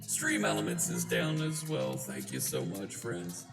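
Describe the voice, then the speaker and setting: Deep pitch-shifted voice changer voice. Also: wildly swooping pitch, unhurried, creaky. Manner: chatty, wry and self-deprecating. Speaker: live coding streamer. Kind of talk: casual live-stream chat. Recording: roomy sound with music behind. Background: background music.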